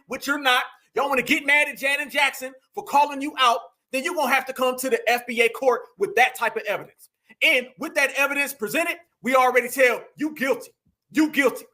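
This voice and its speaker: A man's voice: very high-pitched, sharp tone. A man delivering emphatic political commentary, preaching to his viewers and calling them family. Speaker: commentary vlogger.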